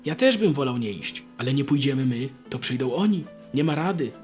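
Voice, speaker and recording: A man's voice: medium pitch, sing-song, moderate pace, sharp tone, soft background music. A man voicing a shrewd, boastful older peasant soldier who talks in a folksy rural dialect, scaring his comrade. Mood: boastful, scaremongering.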